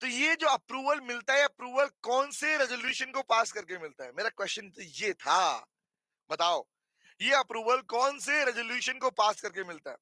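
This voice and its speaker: A man's voice: very high voice, normal speed, bright, forceful tone, dry recording. A man with an Indian accent teaching a live online class, chatty and teasing his students, with a sore throat. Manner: chatty, teasing, mixes Hindi and English.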